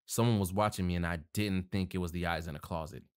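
A man's voice: low voice, steady tone, fast, clear, resonant tone. A man narrating a horror story, reading casually with self-corrections and joking asides.

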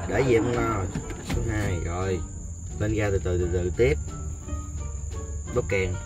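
A man playing a learner driver in a comic sketch, whining and protesting loudly when he gets scolded. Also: on the low side, a little slow, soft background music.

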